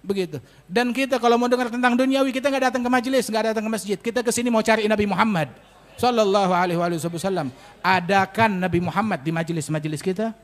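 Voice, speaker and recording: High-voiced preacher in a hall. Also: male voice, fast talker. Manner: animated, rhetorical questions, colloquial. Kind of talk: sermon at a religious gathering. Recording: echoey hall reverb.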